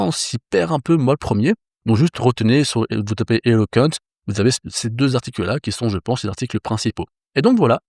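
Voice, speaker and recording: A man's voice: mid-range voice, gravelly, darkish tone, dry recording, clean studio sound. A man giving a casual screen-share tutorial as a developer trainer, talking conversationally with fillers and self-corrections.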